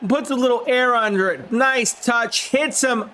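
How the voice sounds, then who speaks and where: Hoarse from the flu, this live streamer calls a football video game simulation play by play, yelling on big plays and talking with his viewers. His voice is very high and his pace measured, and the audio carries a little hiss or hum.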